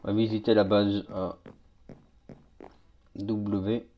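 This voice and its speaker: A man with a lowish voice, speaking slowly through dull audio, streams a game live. Relaxed and chatty, he talks casually with other players and his chat as he plays.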